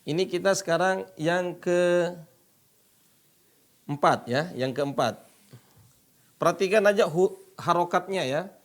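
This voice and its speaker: A man teaching Quran recitation, patiently repeating each phrase and drawing out the model readings for his students. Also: a little high. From Indonesia.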